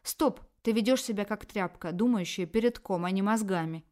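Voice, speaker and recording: A shrill, scolding inner voice of a young feminist, which a woman reader puts on, yelling in loud bursts that climb high. She barks orders and rebukes like a drill sergeant in this audiobook. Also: expressive, normal speed, natural voice. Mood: furious scolding. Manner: shouting, scolding.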